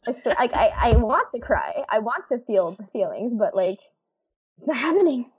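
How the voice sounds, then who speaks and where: A woman co-hosting a casual podcast chat, gushing and excitable. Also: fairly high pitch, normal speed, husky, low-quality recording. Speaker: podcast co-host. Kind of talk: casual chat among friends.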